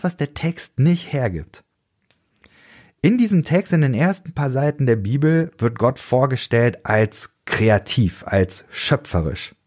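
A man hosting a reflective solo theology podcast, lively and often mimicking strict voices to make a point. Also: mid-range voice. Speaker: podcast host.

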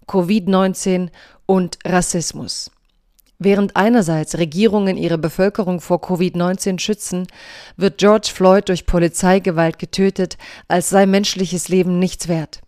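A woman reading her own diary essay aloud for a podcast, in a measured, earnest manner with deliberate pauses. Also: lowish voice, dark tone, no room sound, clean studio sound.

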